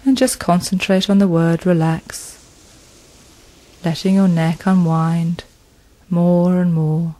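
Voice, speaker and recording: A woman leading a guided progressive muscle relaxation, speaking in a slow, soothing manner with long pauses. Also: on the low side, fairly even intonation, mellow, poor audio.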